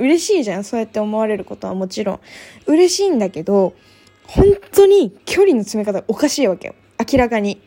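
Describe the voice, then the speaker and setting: A woman's voice: fairly high pitch, a little mellow. A young woman chatting casually to her viewers, telling a personal story with many fillers and acted-out quotes. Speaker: vlogger.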